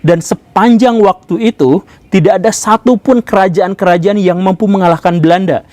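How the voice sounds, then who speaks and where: Guy doing a cocky japanese man scolding someone, highish voice, dry sound, lots of rhetorical questions. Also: moderate pace, darkish tone, dry recording, natural voice. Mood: lecturing. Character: indignant Japanese man, boastful and lecturing.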